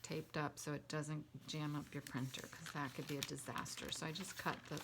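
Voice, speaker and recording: A woman with a low-pitched voice chats her way through a crafting tutorial. She rambles, restarts her sentences and fills pauses, like she's talking to friends. The home recording has a clear layer of noise under it. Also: steady tone. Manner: chatty, rambling, with fillers and restarts. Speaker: crafting channel host.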